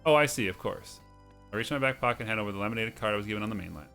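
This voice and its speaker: This playthrough host speaks in a lowish, creaky voice with a sharp tone and a racing pace, faint music underneath. He comments and reads on-screen text aloud, sometimes stumbling over words.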